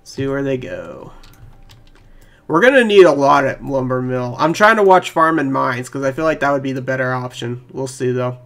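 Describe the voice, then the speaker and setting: A young man giving rambling, excitable live commentary on his own gameplay and talking to his viewers. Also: mid-range voice, normal speed. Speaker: gaming channel host. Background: keyboard typing.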